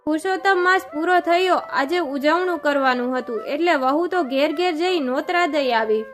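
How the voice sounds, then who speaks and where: A woman reading a devotional fast-day story aloud in a steady, measured way. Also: high-pitched, faint music behind.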